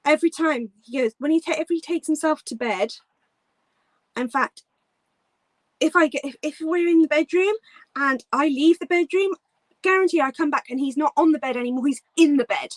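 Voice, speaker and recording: A woman's voice: high voice, moderate pace, no room sound. A woman casually chatting on a livestream from her bedroom at home, rambling with frequent ums and restarts. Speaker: livestream host.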